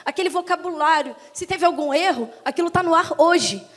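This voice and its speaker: High-voiced Brazilian woman, enthusiastic speaker. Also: fairly quick. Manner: enthusiastic, addresses the audience directly. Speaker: translator. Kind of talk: lecture talk to an audience. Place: lecture hall. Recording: long reverb of a hall.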